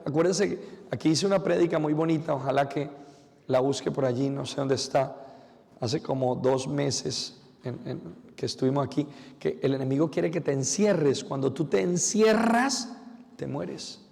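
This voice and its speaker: Priest, lively homily; gravelly, slightly high voice, church reverb. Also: male voice, normal speed. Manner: lively preaching with acted-out quotes.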